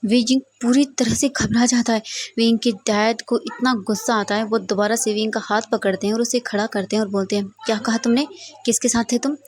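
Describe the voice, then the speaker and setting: Breathy woman narrating a story. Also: on the high side, fairly even intonation, fairly quick. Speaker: fanfiction storyteller.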